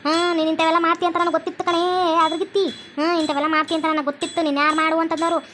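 A bossy, sharp-tongued cartoon mother-in-law, put on by a woman scolds in a North Karnataka Kannada accent. Her voice sits very high and stays flat in tune, and the words tumble out at breakneck speed. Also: faint music behind. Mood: scolding. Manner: scolding, rapid and shrill. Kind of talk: cartoon voice acting.

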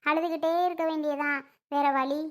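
A woman's voice: little pitch movement, moderate pace, close to an everyday voice. A woman playing a grieving older mother-in-law, crying and full of regret in a family skit. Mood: tearful. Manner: sorrowful, regretful, soft and low.

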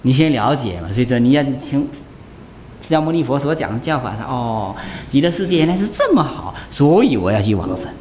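A man's voice: mid-range voice, big pitch swings, a little fast, a little mellow, slight background noise. A man, a Buddhist monk, giving a conversational dharma lecture, talking in a chatty way and often tossing rhetorical questions to his listeners.

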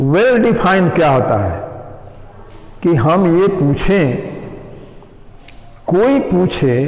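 A male school maths teacher giving a slow, step-by-step classroom lecture, mixing in English terms. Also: fairly high pitch, darkish tone. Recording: echoey room with long reverb.

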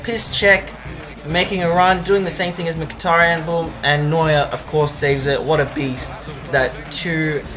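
A man's voice: a little high, flat delivery, measured pace, music in the background. A man commentating a football video game in a casual, rambling voice-over with many fillers. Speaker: gaming channel host.

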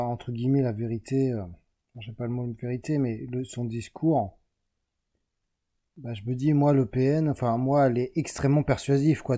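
Here a French self-help host with a warm, mid-range voice explains things casually to the viewer. He draws a chart as he goes, wandering a bit and correcting himself.

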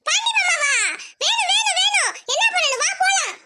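A woman's voice: extremely high pitch, moderate pace, sharp tone, slight background noise, voice pushed up. A woman voicing a lazy, sleepy young village girl in a cartoon, whiny and drowsy.

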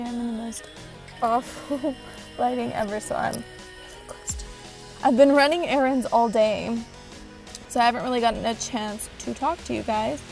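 Chatty Valley girl vlogger, young woman. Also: on the high side. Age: young adult. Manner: chatty, upbeat, lots of likes and ums. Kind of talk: casual vlog chat.

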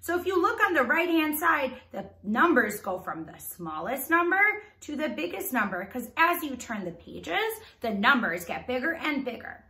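A teacher with a high voice reads a children's book aloud to young children, animated and carefully enunciated, prompting them with questions. She moves at a moderate pace with few pauses, and the sound is reverberant.

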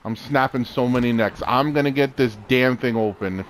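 A man's voice: medium pitch, moderate pace, slight background noise. A man chatting casually while playing a co-op game, often exclaiming and laughing. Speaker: gamer. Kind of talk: casual co-op gameplay chat.

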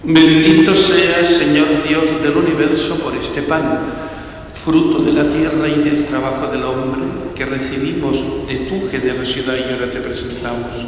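A priest, preaching and praying at Mass in an earnest, measured way, heard in a cathedral echo. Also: male voice, fairly high pitch, flat delivery. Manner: earnest, measured preaching with emphatic slow phrases. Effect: cathedral echo, long church reverb. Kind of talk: homily and liturgical prayers. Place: large church. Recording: echoey church with long reverb, faint noise.

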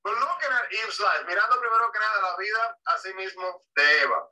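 A male pastor preaching to an online congregation, switching between two languages line by line and stumbling into restarts as he tells his stories. His voice is very high and strikingly bright. It comes from some distance away from the microphone. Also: normal speed. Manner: animated storytelling with frequent restarts. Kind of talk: bilingual sermon, self-translating. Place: online church service.

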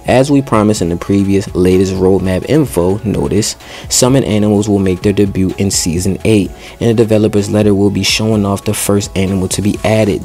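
A man, a gaming YouTuber, reading game update notes aloud, stumbling over words now and then and breaking off for slangy, excited asides. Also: lowish voice. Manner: slangy excited asides between read passages; stumbles and restarts while reading.

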